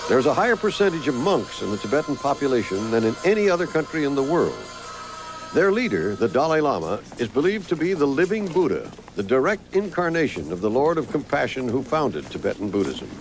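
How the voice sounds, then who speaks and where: Man, scripted documentary narration, lively varied pitch, music behind. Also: a little fast.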